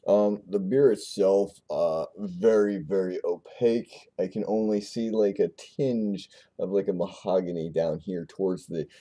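Low, dark-voiced man reviewing beer. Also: measured pace, few pauses. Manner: rambling, stumbles over words. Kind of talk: casual video review.

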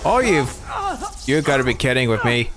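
A man's voice: mid-range voice, very animated, moderate pace, over music. A man commenting casually and playfully while playing a video game. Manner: casual, playful remarks over gameplay. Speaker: gaming channel host. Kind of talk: let's play commentary.

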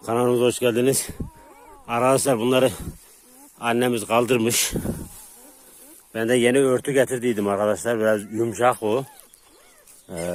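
Chatty man vlogging outdoors. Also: mid-range voice. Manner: plain, chatty, keeps addressing viewers as friends. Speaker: vlogger and dog keeper. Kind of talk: casual vlog talk to viewers. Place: outdoors in the countryside with dogs.

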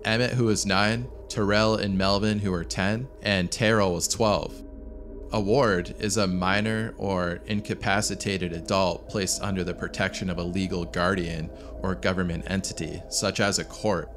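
A man reading a scripted true-story narration in a measured, serious way. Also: low-pitched, steady tone, a bit bright, slight background noise. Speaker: channel narrator. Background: faint background music.

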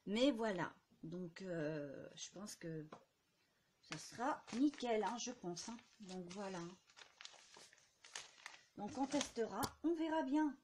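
Woman, casual haul vlog, chatty, hesitant, lots of fillers, unsure over product names, mid-pitched voice. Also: lively intonation, slow, long pauses, darkish tone, a little hiss or hum. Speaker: vlogger.

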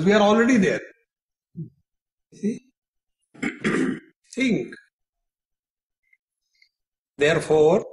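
A man's voice: high voice, slight background noise. A man, a spiritual teacher, giving a retreat discourse with humorous storytelling and acted dialogue to a live audience.

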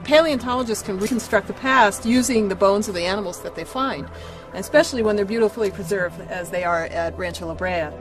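A woman's voice: mid-range voice, a little fast, over music, poor audio. A middle-aged woman explaining things as an expert interviewee in a nature documentary. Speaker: paleontologist interviewee.

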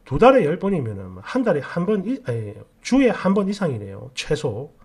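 A woman's voice: sits low, huge pitch swings, fairly quick, a little mellow, husky. A woman narrating reader-submitted family stories in a chatty, indignant storytelling manner.

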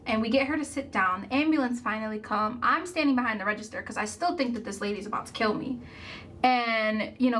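A woman's voice: a little high, bright, forceful tone. A young woman, a makeup vlogger, telling a dramatic story in a rambling way, full of "like". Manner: rambling, filler-heavy, lots of "like"; breathless, dramatic retelling. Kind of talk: casual storytelling while doing makeup.

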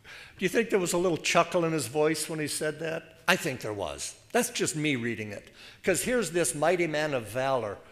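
A man's voice: a little high, sing-song, normal speed, a bit bright. An older man preaching in a church, reading scripture and musing aloud in a conversational, wry way with self-deprecating asides.

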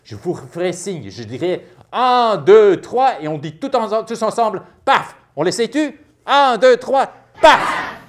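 A woman playing a brave, excitable little girl knight-errant in a theatrical children's storytime, animated and exclamatory. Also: medium pitch, measured pace, noisy background. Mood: cheerful. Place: live storytime stage.

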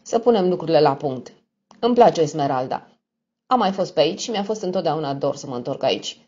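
A woman's voice: sits low, animated, dark tone. A woman voicing a cold, reserved and tired young woman. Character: weary, cold young woman under threat. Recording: dull lo-fi recording.

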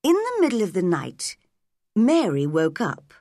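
A woman reads a simple story aloud for English learners, slowly and distinctly, her voice moving up and down with lively expression. The recording is close and dry, with no room sound. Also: medium pitch, no room sound. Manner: slow, clear, expressive reading. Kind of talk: scripted narration for English learners.

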